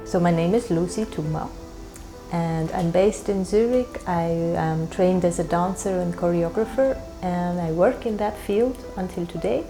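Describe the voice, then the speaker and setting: A woman who is a dancer and choreographer, speaking calmly and reflectively in a documentary interview. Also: fairly low pitch, a little slow, faint music behind, poor audio. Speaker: curator.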